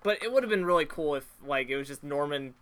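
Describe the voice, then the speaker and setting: A young man with a noticeably high voice talks through a film in a loose, rambling way. He trails off mid-thought and laughs often as he chats. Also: animated, fast, a bit bright, clear, resonant tone. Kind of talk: casual movie chat.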